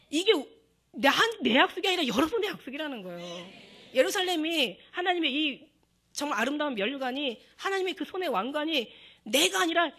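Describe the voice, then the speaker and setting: A woman's voice: sits high, a bit bright. A middle-aged woman pastor preaching a sermon with emotion, acting out prayers and God's words as she goes.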